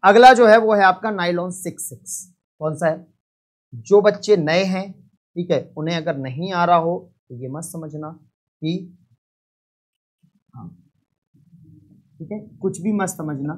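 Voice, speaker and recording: A man's voice: high voice, measured pace, long pauses. A man teaching a live online chemistry lesson, repeating each point and quizzing students.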